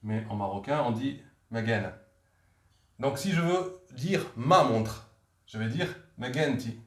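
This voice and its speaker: A man's voice: medium pitch, expressive, normal speed, a bit bright. A man teaching a vocabulary lesson, repeating each word several times so learners can follow. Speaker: language teacher. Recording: echoey room.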